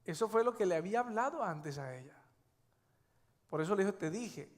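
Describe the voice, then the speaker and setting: A man's voice: sits high, animated, a little fast. A male pastor preaching a sermon, emphatic and repeating his key phrases. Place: church sanctuary. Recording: long church hall reverb.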